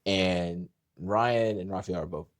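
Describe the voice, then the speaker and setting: A man co-hosting a podcast, telling a story in a rambling, animated way with many restarts and voiced impressions. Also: deep voice, takes it slowly, no echo, studio quality. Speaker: podcast co-host. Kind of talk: casual storytelling chat.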